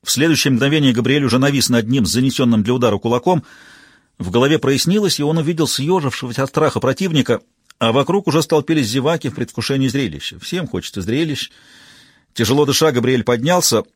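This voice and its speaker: A man reading a novel aloud in steady, even scripted narration. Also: medium pitch, quick pace, slightly rough, no echo, clean studio sound. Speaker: audiobook narrator.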